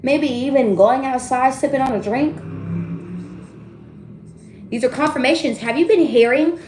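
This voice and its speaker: A woman giving a casual tarot reading to her viewers, chatty and animated, laughing often and swearing freely. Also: sits high, a little slow, slight background noise. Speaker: tarot reader. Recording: roomy echo.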